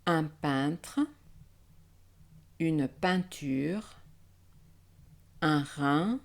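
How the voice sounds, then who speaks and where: Slow, low-voiced French pronunciation teacher. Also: female voice, darkish tone. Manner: slow, deliberate, syllable by syllable.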